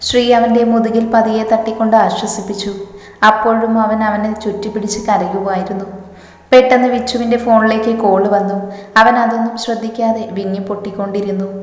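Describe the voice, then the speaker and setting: A woman reading a romance story aloud in a steady, gentle way. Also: a little high, a little fast. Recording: echoey reverberant room.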